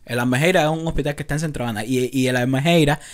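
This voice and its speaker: A young man from Cuba with a Havana accent, telling lively anecdotes on a casual podcast with lots of street slang. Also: medium pitch, rapid-fire. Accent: Cuban, Havana. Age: young adult. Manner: animated anecdotes with frequent laughter and street slang. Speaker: podcast co-host. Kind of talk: casual chat, storytelling.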